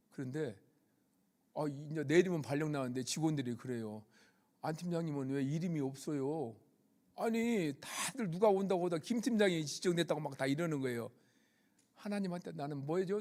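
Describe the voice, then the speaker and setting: A middle-aged man, a police chaplain, giving a church testimony as animated storytelling with questions to the audience. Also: on the high side.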